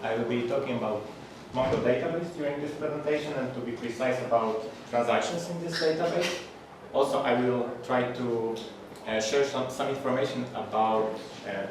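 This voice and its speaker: A man with a Polish accent gives a technical talk at a middle pitch, pausing often and restarting his sentences. He sounds far from the microphone in a large, heavily echoing hall. A steady background hum runs under his voice. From Poland. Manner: plain, hesitant delivery with frequent fillers and restarts. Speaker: conference speaker. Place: large echoey conference room. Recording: echoey hall, distant, audible background noise.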